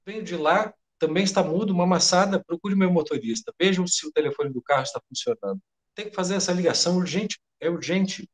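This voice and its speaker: A stout, pompous senior official, imperious and impatient, barking orders, as a Brazilian-accented man reads his part in a story. The voice stays fairly high and clipped. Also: quick pace, natural voice. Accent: Brazilian Portuguese. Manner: imperious, demanding.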